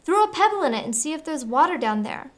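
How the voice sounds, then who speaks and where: A woman's voice: sits high, very animated, fast talker. A female performer playing a sensible, exasperated older-sister girl in a family drama. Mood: impatient. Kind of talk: acted family film dialogue.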